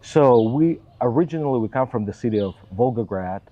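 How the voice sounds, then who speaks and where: A middle-aged Russian man who assists at a church answers interview questions in Russian-accented English, earnest and careful in his self-taught phrasing. His medium-pitched voice is expressive and fairly quick, and the sound is lo-fi.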